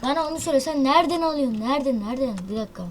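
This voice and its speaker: Excitable woman gamer, high voice. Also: a little hiss or hum. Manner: excitable, loud outbursts and quick exclamations; slangy, self-mocking banter with viewers. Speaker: gaming channel host. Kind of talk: live mobile shooter gameplay commentary.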